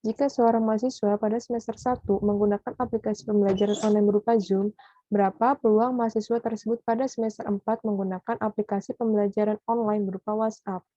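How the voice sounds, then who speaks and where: Woman, student presenter, dark mellow voice, measured reading of math examples, dry lo-fi sound. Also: mid-range voice, steady tone, no room sound. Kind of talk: reading worked probability examples aloud. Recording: dull lo-fi dry recording.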